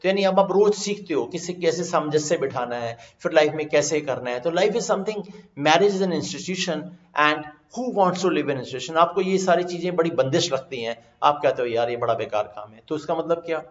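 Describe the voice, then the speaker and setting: Indian guy teaching vocab off slides, switches hindi and english, repeats stuff slowly, kinda dull echoey audio. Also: a little high. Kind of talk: vocabulary lesson over slides. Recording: echoey, slightly dull recording.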